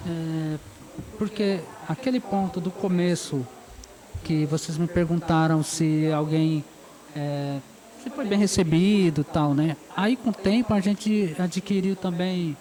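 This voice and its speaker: At a bustling outdoor street fair, this easygoing guest caricaturist in his forties, from São Paulo, Brazil, gives a chatty, casual interview and often laughs through his stories. He talks a little slowly in a mellow, fairly high voice. The audio is poor, with heavy crowd noise.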